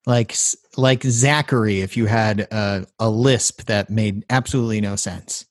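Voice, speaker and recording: Speaking in a lowish, steady voice and taking his time, a man co-hosts a podcast where he recaps a movie with playful jokes. It's laid-back movie-review banter, recorded in studio quality with no echo.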